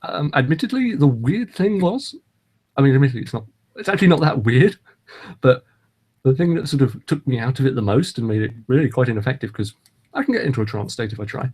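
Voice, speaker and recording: A man's voice: medium pitch, animated, quick pace, darkish tone, breathy edge. A man hosting a casual podcast, rambling and hesitant with frequent ums and restarts. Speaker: podcast host. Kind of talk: casual chat.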